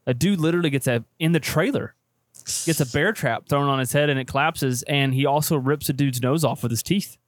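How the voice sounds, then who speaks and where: A man's voice: mid-range voice, a little fast, dry recording. A man co-hosting a casual movie podcast, talking with enthusiasm and plenty of fillers. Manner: enthusiastic, chatty, many fillers. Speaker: podcast co-host.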